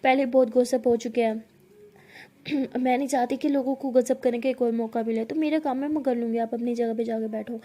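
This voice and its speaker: A woman's voice: on the high side, steady tone, brisk, warm tone, natural voice. Woman reading a teasing young office girl. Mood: casual.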